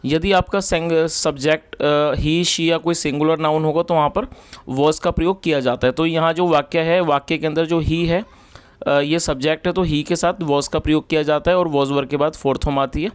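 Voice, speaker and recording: A man teaching English, reading phrases slowly and then explaining them in Hindi. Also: fairly high pitch, smooth. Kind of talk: explaining an English story line by line.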